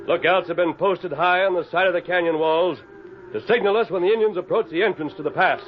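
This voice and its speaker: In a dull, lo-fi vintage radio recording, a male actor voices a resolute masked lawman of the Old West, urgent and commanding. His natural voice sits high and moves a little fast, with slight background noise. The mood is firm, and he gives clipped, authoritative orders.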